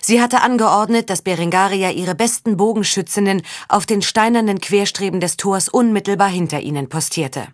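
A woman narrating a novel as an audiobook in a measured storytelling manner. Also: mid-range voice, no room sound, clean studio sound. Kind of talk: scripted narration.

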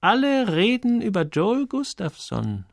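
A teasing, knowing woman from an audiobook, as a male reader puts her on. She speaks high and lightly, with an unhurried, curious way of talking. Her voice has some gravel in it, and the room around it is dry. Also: huge pitch swings, dry recording, full character voice.

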